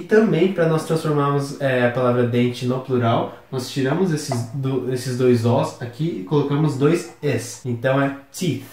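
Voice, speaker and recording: Patient Brazilian teacher in an echoey room. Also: male voice, medium pitch, a little mellow. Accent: Brazilian Portuguese. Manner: patient, spells words letter by letter. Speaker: English teacher. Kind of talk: recorded online lesson.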